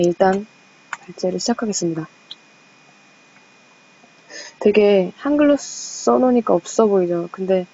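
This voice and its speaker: A young woman leads a casual study session. She chats in a self-deprecating way and reads each French word slowly and carefully. Her voice is mellow and warm, and the recording sounds dull and lo-fi. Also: medium pitch. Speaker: study group presenter.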